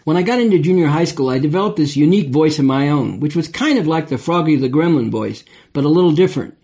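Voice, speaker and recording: A man's voice: on the high side, animated, quick pace, warm tone, slightly rough. An older man reading his memoir aloud in a wry, reflective way. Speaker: memoir narrator.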